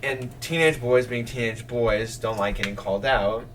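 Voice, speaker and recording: A man's voice: medium pitch, normal speed. A young man co-hosting a casual podcast chat, telling stories animatedly with many fillers. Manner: animated storyteller, lots of "like". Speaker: podcast co-host. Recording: distant mic, faint room noise.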